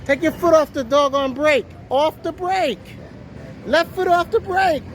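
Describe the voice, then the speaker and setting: A woman's voice: high-pitched, measured pace, a little hiss or hum, low-quality recording. A woman coaching casually as an informal driving instructor, giving short, urgent, repeated commands outdoors. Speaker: informal driving coach filming a learner's lesson.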